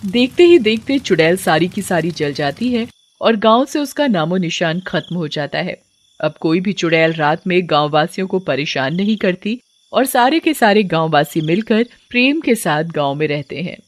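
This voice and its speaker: A woman's voice: lowish voice, lively intonation, moderate pace. Woman narrating a horror cartoon. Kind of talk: scripted horror story narration.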